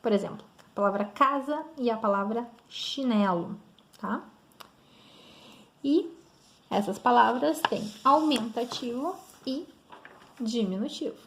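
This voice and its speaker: A woman's voice: on the high side, slow, long pauses, a little hiss or hum. A woman with a Brazilian Portuguese accent teaching grammar in an online lesson, explaining step by step and checking in often with her students.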